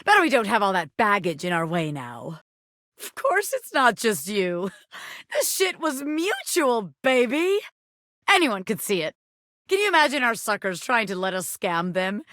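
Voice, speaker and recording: A woman's voice: medium pitch, sing-song, moderate pace, a bit bright, no room sound, studio quality. A woman voicing a scrappy living hairpin in a video game, a brash wannabe crime boss with streetwise, slangy tough talk. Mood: flirty confession. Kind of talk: video game character dialogue.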